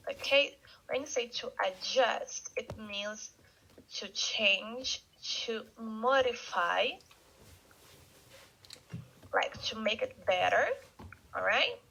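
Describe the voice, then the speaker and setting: High-voiced woman teaching English slowly. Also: gravelly, bright, forceful tone, breathy edge. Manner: slow, repeats words for learners to echo. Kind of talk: online English vocabulary lesson. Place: Canada. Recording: dull lo-fi recording.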